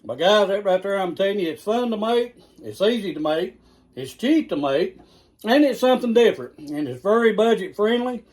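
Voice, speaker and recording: A man's voice: high voice, lively intonation, moderate pace, a little mellow. A man hosting a casual cooking video in a home kitchen, folksy and chatty, talking straight to his viewers. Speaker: cooking channel host.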